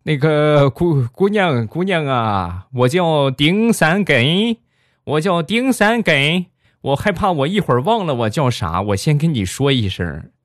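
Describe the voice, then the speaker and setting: A man voicing a frail old male hospital patient who speaks slowly and haltingly. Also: on the high side, big pitch swings, no room sound, pitched above the performer's own voice. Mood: timid. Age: older. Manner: slow, quavering and halting.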